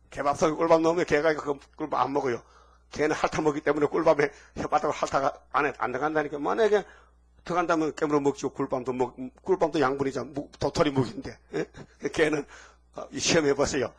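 Husky-voiced pastor preaching animatedly. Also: male voice, on the high side, a little fast. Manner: animated storytelling with sudden shouts; asks the audience for agreement. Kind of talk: sermon.

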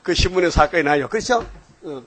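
A man's voice: on the high side, animated, brisk, fairly bright tone. An older man giving an informal, rambling sermon, often checking on listeners with short questions. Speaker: preacher.

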